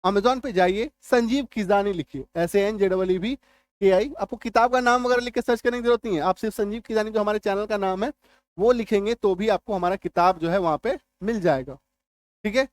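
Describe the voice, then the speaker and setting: A man's voice: sits high, fairly quick, no room sound. A man giving a spoken English spelling lesson, drilling words aloud and checking whether his students understand. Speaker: English teacher.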